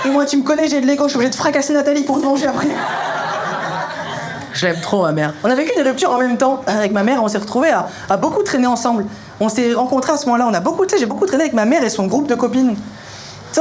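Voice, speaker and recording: High-pitched young man doing fast stand-up. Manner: animated storytelling, acting out dialogue; colloquial, slangy. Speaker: stand-up comedian. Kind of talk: punchy stand-up comedy. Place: live comedy venue. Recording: live show recording with clear noise.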